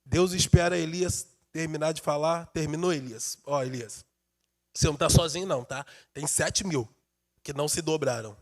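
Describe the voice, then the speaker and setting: A man preaching a sermon as a pastor, swinging from hushed passages to shouted, sing-song preaching. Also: on the high side, moderate pace.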